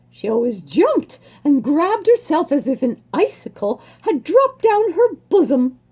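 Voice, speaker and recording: Reading a children's storybook aloud, a woman with a slightly high voice and dark tone performs expressively. She savors each word, adding dramatic emphasis and pauses.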